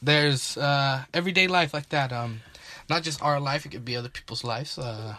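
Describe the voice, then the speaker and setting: A man's voice: medium pitch, normal speed, pushed and bright. A young man hosting a casual podcast with his brother inside a closet, easygoing and trailing off often. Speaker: podcast host. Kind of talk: casual chat. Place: inside a small closet at his parents' house.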